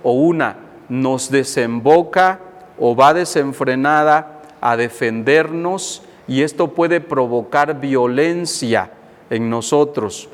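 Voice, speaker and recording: Slow-spoken friar preaching in a hall. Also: male voice, medium pitch. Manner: slow, reflective, acts out inner dialogue. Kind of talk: sermon reflection on scripture.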